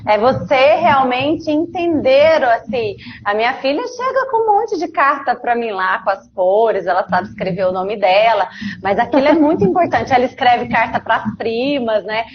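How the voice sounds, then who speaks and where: A Brazilian woman in her thirties gives parenting advice over a video call, slow and reassuring, tagging her sentences with little questions. Her voice sits a bit high, and the muffled call audio carries a clear hiss of background noise. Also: animated. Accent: Brazilian Portuguese. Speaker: psychologist.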